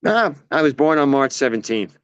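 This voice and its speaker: A man's voice: mid-range voice, sing-song, a little fast, a bit bright, clear, resonant tone, no room sound, highs cut off. An American actor and playwright chatting casually, telling rambling stories and often restarting his sentences. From United States. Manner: rambling, self-interrupting storyteller. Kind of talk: casual conversation.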